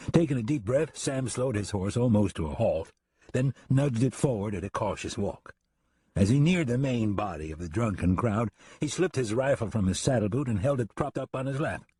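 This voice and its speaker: Brief: male audiobook narrator, husky tone, dry close mic, mid pitch. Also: darkish tone, no room sound. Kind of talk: scripted narration.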